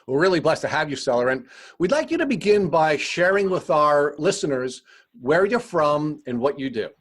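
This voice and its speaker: A man's voice: a little high, sing-song, moderate pace. A man hosting a podcast, reading a formal guest introduction and then asking interview questions. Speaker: podcast host.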